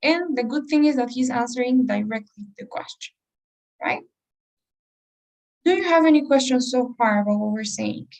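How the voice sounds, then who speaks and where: A woman's voice: on the high side, normal speed, creaky, pauses often, a little mellow, recorded from a distance, poor audio. A woman teaching an English test-prep class, explaining step by step and putting questions to her students. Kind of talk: class lesson.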